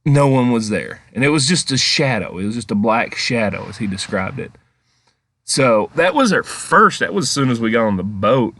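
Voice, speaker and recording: A man's voice: mid-range voice, expressive, moderate pace, fairly bright tone. A man giving casual, rambling, conversational commentary as a paranormal vlog host. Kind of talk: casual storytelling commentary over footage.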